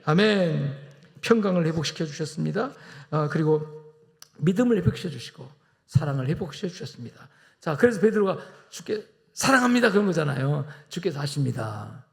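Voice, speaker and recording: A male pastor preaching a Sunday sermon in a church, rising from quiet, tender passages to loud, impassioned exhortation. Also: on the high side, animated, brisk, vocal fry. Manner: acts out Jesus and Peter in quiet, tender asides. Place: church sanctuary.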